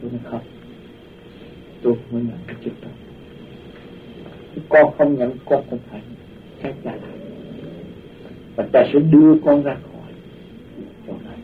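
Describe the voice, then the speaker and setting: A man's voice: medium pitch, steady tone, moderate pace, pauses often, slight background noise. A man animatedly recounting a personal story and acting out the voices of the people in it. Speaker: storyteller recounting his past. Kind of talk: spoken personal testimony. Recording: tinny phone-like distant recording.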